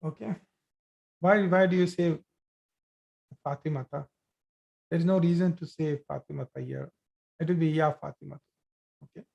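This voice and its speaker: Male online language teacher, high voice, patient and repetitive, video-call sound. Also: fairly even intonation, gravelly, darkish tone, muffled recording. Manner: patient, repeats each sentence slowly then explains. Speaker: Arabic teacher. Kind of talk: live online grammar lesson.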